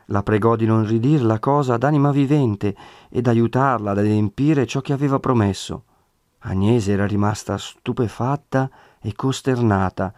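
A man with an Italian accent reading a classic novel aloud in steady, measured narration. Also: mid-range voice, no echo, studio quality. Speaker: audiobook narrator. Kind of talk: scripted narration.

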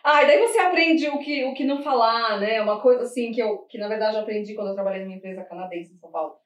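A Brazilian woman with a Brazilian Portuguese accent chatting casually, telling animated stories, laughing often and acting out what others said. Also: on the high side, racing, lo-fi sound. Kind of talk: casual chat. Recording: roomy sound from a distant mic.

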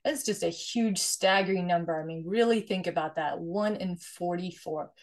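A woman's voice: lowish voice, moderate pace. A woman in her forties from Sweden, a guest explaining her work in an earnest, conversational way and often checking in with "right?". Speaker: guest, investor and nonprofit founder. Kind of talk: conversational interview.

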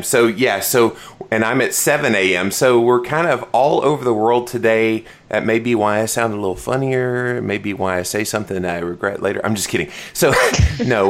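A man's voice: mid-range voice, normal speed. A man hosting a podcast, chatting casually and joking about himself as he introduces his guests. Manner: chatty, joking, self-deprecating. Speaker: podcast host. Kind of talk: casual interview chat.

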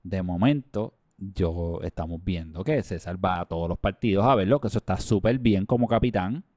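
This is a man co-hosting a sports podcast and poking fun in loose banter. His voice sits on the low side and sounds close and dry, with no room around it. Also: moderate pace, a little mellow, no echo. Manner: teasing, joking banter. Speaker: podcast co-host. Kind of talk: casual sports podcast chat.

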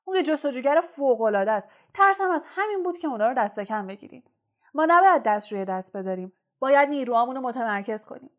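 A woman's voice: fairly high pitch, close to an everyday voice. A woman voicing an intense, stern teenage boy team captain who talks urgently in a clipped, insistent way, in a storybook reading. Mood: fierce.

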